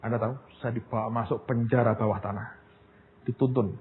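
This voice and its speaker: A man preaching a sermon as pastor, telling stories in a lively way and often turning to his listeners as brothers and sisters. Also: medium pitch, a little fast. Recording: tinny phone-like sound, long hall reverb, faint noise.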